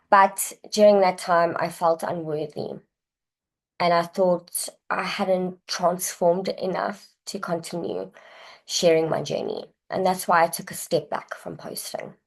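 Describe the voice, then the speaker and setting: A woman's voice: lowish voice, poor audio. A woman host giving an earnest, inspirational scripted narration.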